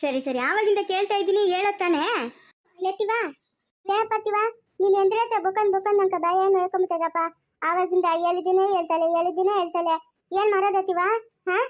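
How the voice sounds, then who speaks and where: Fast, very high-voiced village woman. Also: steady tone. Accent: Chikkaballapur rural Kannada. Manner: exasperated, fast nagging chatter. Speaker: comedy skit performer. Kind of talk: village comedy skit.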